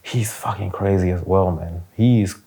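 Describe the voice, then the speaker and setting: Deep, dark, and unhurried, the voice belongs to a young man with a German accent who coaches businesses and hosts a casual motivational podcast. He talks with earnest emphasis and drops in some swearing.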